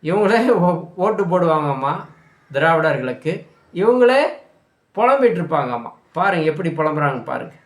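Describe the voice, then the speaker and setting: Male commentator, furious scolding rant, higher-pitched, roomy echo. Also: sing-song, moderate pace, long pauses. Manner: scolding, shouting at the audience. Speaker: political commentator. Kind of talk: angry political rant.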